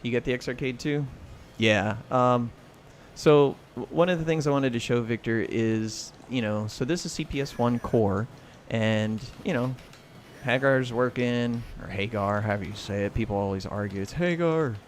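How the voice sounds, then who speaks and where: An American man with a mid-pitched voice hosts a casual gaming livestream. He comments loosely as he plays, with clear game noise and button clatter behind him. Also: moderate pace. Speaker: livestream host and gamer. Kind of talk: casual live commentary while playing. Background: video game sound and clacking arcade buttons.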